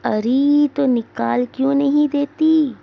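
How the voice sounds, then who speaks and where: A woman's voice: medium pitch, slow pace, creaky, muffled recording. A woman teacher voicing a bossy, impatient old grandmother who nags in a raised voice. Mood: scolding. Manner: raised, nagging tone.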